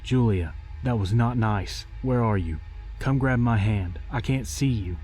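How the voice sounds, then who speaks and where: A man's voice: lowish voice, measured pace, a little mellow, close to an everyday voice. A man voicing an exasperated young aunt in a horror story, coaxing and scolding her niece. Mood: stern, annoyed. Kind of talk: acted dialogue in horror story narration. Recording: music behind the voice.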